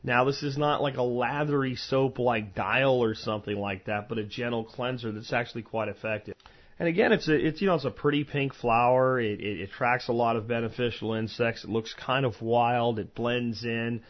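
A dull, slightly muffled lo-fi recording of an American man with a mid-pitched voice. He hosts a solo podcast in an informal, conversational way. He rambles easily, wandering into personal asides as he explains things. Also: normal speed. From eastern United States, Florida and Pennsylvania. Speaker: podcast host. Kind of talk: informal solo podcast talk on medicinal plants.

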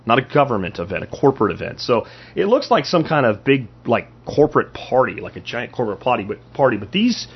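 A podcast host delivers an emphatic, opinionated political monologue full of rhetorical questions and repeated phrases. His mid-range, husky voice swings widely in pitch and races along with few pauses. The highs in the recording are cut off.

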